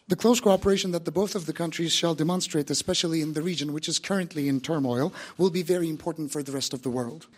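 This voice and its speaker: Male interpreter, translation voice-over, formal and official, rapid pace. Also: fairly high pitch. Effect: translation voice-over of a speech.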